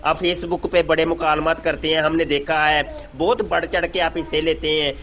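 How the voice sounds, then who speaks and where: A man's voice: on the high side, little pitch movement, a bit bright. A man with a Punjabi accent, lecturing an opponent in a scornful, condescending tone over a voice message. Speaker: debate group host. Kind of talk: voice-message debate. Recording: dull lo-fi voice message.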